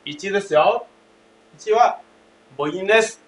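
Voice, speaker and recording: A man's voice: high voice, takes it slowly. A man teaching a language lesson, speaking emphatically, repeating key phrases and often addressing the class directly. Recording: roomy, distant mic, faint hiss.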